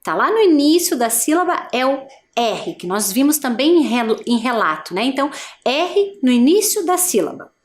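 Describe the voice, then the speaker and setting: Lively high-voiced woman teaching patiently. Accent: Brazilian Portuguese. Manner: slow, patient, syllable-by-syllable explanation; addresses the learner directly with encouraging questions. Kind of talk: adult education video lesson.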